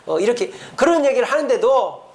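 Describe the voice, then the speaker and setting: A man's voice: extremely high pitch, big pitch swings, fairly quick, vocal fry. A man preaching a sermon as pastor, telling a story with acted quotes in a church. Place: church sanctuary.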